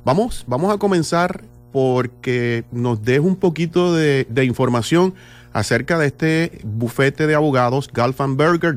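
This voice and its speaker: A man hosting a morning radio show, opening in an upbeat announcer style and interviewing a guest. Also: mid-range voice.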